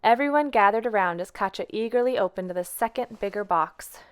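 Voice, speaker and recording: A woman reading a children's picture book aloud. Her reading is gentle and expressive, unhurried, with a plain middle pitch. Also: smooth. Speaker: storytime reader. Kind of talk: children's storybook read-aloud.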